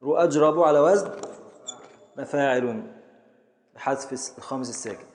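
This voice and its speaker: A man with an Egyptian accent teaching a class on Arabic prosody and grammar. He drills syllables slowly, stretching words to beat out the meter, and calls on students. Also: fairly high pitch, darkish tone. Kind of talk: classroom lesson, calling on students. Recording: echoey hall with long reverb.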